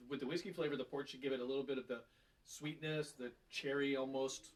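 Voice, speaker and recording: A man's voice: mid-range voice, fairly even intonation, fast. A man co-hosting a casual beer tasting, agreeing easily and explaining the flavors he tastes. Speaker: beer reviewer co-host. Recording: distant mic with faint noise.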